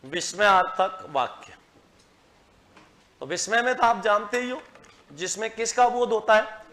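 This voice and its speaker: A man teaching a grammar class, dictating slowly, repeating phrases and quizzing his students. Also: high-pitched, sharp tone.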